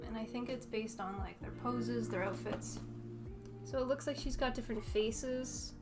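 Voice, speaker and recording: A woman's voice: a little high, normal speed. A playful young woman chatting casually while unboxing hobby kits, joking and giggling often. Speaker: co-host of hobby channel. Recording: background music under voice.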